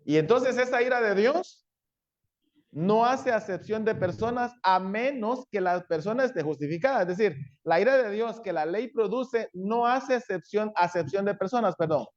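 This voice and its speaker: A man with a high voice preaches a sermon, constantly turning to his listeners with quick questions. He dramatizes points by voicing an accuser calling out sinners. The recording is dull and lo-fi. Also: lively intonation. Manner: asks the congregation frequent "¿sí?" and "¿verdad?"; acts out the law shouting accusations. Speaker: pastor.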